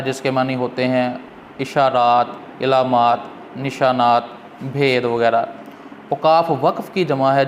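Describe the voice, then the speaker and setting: A male teacher, speaking at a middle pitch as he talks students patiently through exam questions in a fatherly way. The room is echoey, and a faint hiss sits underneath. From Pakistan. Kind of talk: recorded exam-prep lecture.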